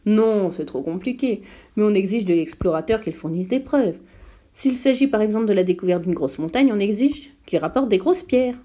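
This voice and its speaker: A woman's voice: mid-range voice, animated, normal speed, warm tone, lightly acted. A woman reading aloud and voicing a self-important old male geographer who lectures grandly. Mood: lecturing. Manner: lofty, lecturing.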